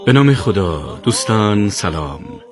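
A man narrating a radio novel in a measured storytelling manner, voicing all the characters himself. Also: lowish voice, sing-song.

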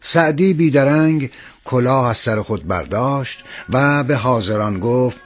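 A male radio storyteller reads folk anecdotes aloud in a measured, expressive way. His voice is husky and moves up and down a lot, with soft music playing underneath. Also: mid-range voice. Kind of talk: scripted narration of old tales.

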